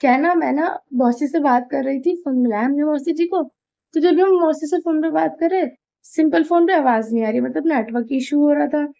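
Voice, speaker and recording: A woman's voice: sits high, brisk, creaky, mellow. A young woman chatting casually in a home vlog, rambling and apologetic, with a sore throat. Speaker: vlogger. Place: family home, indoors.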